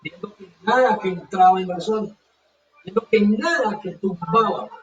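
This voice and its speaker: A man's voice: sits high, unhurried, distant mic, a little hiss or hum. A man preaching a sermon with fervor, hammering his points by repeating them. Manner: fervent, repeats phrases for emphasis. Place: church hall. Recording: dull echoey church sound from afar.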